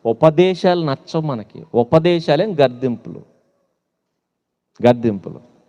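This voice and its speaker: A man's voice: a little high, animated, measured pace, mellow. A man preaching a sermon to young people, asking rhetorical questions and mocking his listeners with teasing asides, with a Telugu accent. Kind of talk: sermon to youth. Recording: long hall reverb.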